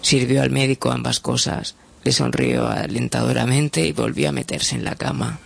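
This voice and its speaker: A man narrating a story in an expressive reading voice. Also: medium pitch, moderate pace, creaky, a little hiss or hum. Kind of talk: audiobook narration.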